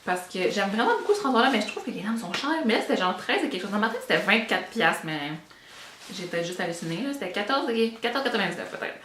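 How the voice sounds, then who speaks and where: A woman's voice: medium pitch, sing-song, fast, a bit bright, reverberant, slight background noise. A young woman with a Québécois French accent, chatting casually and rambling about her beauty buys, slipping in English words. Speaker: beauty vlogger. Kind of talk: casual chat.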